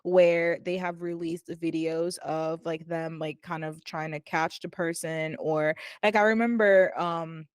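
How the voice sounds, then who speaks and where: A young woman co-hosting a podcast who thinks out loud, hedges her words and often breaks into giggles. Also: low voice, fairly even intonation, unhurried, few pauses, clear, resonant tone, dry recording, clean studio sound. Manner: thoughtful and hedging, breaks into giggles. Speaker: podcast co-host. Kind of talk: casual chat.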